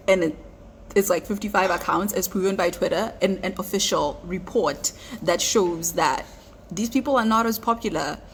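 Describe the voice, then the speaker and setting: A woman's voice: on the low side, gravelly, a little hiss or hum. A woman commenting on royal news in a casual, sarcastic vlog style, with plenty of fillers. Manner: sarcastic, chatty, many fillers and laughs.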